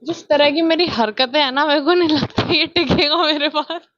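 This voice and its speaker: Young indian woman vlogging, chatty and loud, high kiddish voice, flat dry phone audio. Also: normal speed, dry recording, lo-fi sound. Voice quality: childlike voice. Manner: chatty, self-mocking, loud and excitable. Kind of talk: casual vlog chat. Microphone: phone on tripod.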